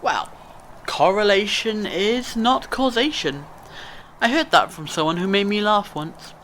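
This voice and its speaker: A man's voice: high voice, lively intonation, measured pace, a bit bright, a little hiss or hum. A man playing a witty, reassuring alien time traveller in a fan audio drama, theatrical and wry. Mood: wry, logical. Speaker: amateur audio drama actor.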